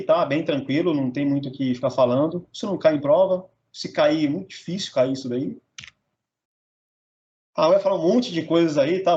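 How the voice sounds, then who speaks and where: A man's voice: a little high, darkish tone, highs cut off. A Brazilian man teaching a grammar lesson, sounding out words syllable by syllable and checking in with "tá?" and "beleza?". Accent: Brazilian Portuguese.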